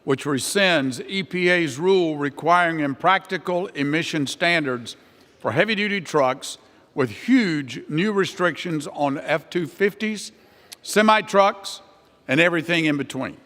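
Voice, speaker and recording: A man's voice: on the high side, animated, a little slow, pushed and bright. An American man giving a formal, prepared political floor speech as a congressman. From Ohio, United States. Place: large legislative chamber, House floor. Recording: reverberant large chamber.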